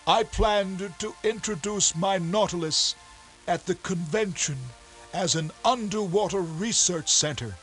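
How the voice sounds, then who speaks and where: Dying bitter old sea captain, voiced by a man, gasping and slow, raised pitch, lively swings in tone. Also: soft background music, exaggerated voice, poor audio. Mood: grieving. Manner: gasping, grave, drawn-out delivery.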